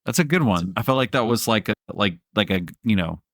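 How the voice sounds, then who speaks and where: A man with a fairly low voice talks football in loose, rambling chat, laughing partway through his sentences and swearing now and then. The sound is dry and close, with no room around it. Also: expressive, a little fast, a bit bright, no room sound. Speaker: podcast co-host. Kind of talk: casual sports chat.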